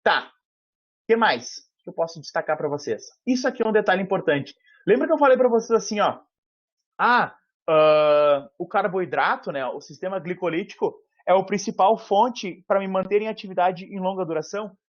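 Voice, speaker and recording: A man with a high, expressive voice lectures informally to university students online at a moderate pace, filling his explanations with fillers. His headset audio comes through the video call muffled.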